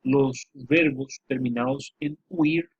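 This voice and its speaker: A man giving a slow, patient lesson, repeating himself often and filling pauses. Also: medium pitch, steady tone, husky, no echo. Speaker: teacher. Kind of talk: spoken lesson over slides. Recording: dull dry lo-fi voice recording.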